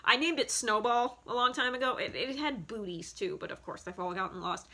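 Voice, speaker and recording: A woman in her thirties talks casually in her basement, rambling with plenty of fillers and false starts. Her voice is bright and forceful and sits a little high. She is recorded on a phone. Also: fairly quick. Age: 30s. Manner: rambling, chatty, many fillers and restarts. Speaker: vlogger. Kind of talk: casual nostalgic show-and-tell. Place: home basement.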